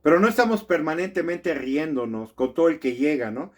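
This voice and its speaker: Male commentator, indignant monologue, slightly higher voice, rhetorical questions. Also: sing-song, fairly quick. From Mexico. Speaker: political commentator.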